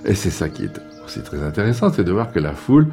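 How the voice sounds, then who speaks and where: Low-voiced man explaining history. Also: big pitch swings, quick pace, warm tone, faint music behind. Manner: explains patiently, with fillers. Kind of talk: explanatory documentary interview.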